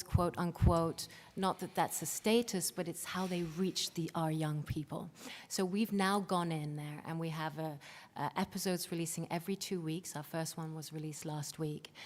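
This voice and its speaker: A woman giving halting, emphatic panel remarks in front of an audience. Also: fairly low pitch. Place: large conference hall. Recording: echoey hall with long reverb.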